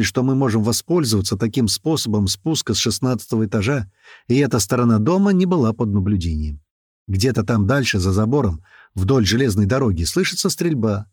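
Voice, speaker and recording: A man reading a first-person action story aloud, switching to loud, higher voices for the characters. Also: husky, no room sound, studio quality. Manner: lively, raising pitch and shouting for quoted characters. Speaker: audiobook narrator.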